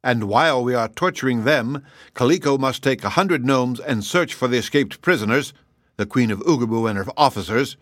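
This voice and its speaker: A man voicing a cruel, quick-tempered male gnome king who roars and snarls his threats. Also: mid-range voice, a bit bright, no echo, clean studio sound, voice pushed up, natural voice. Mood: menacing.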